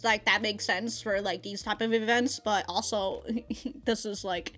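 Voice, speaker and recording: Reacting to and reviewing anime, this female host has a medium-pitched, fairly bright voice. She rambles casually through her commentary, giggling, using slang, and swearing at times.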